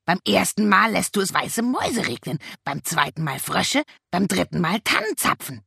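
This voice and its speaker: Reader putting on a high croaky raven, bossy and reproachful, husky, storybook style. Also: big pitch swings, moderate pace, sharp tone, no room sound, clean studio sound, full character voice. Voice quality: croaking, shrill. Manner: reproachful, blunt. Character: wise scolding male talking raven. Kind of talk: audiobook reading.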